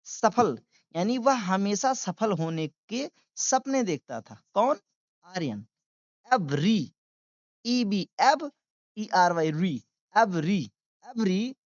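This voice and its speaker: Man for a slow, patient beginner reading lesson, spelling and repeating each word. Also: high voice, dry recording, dull audio. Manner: spells words letter by letter, then translates; patient, repetitive drilling. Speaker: English reading teacher.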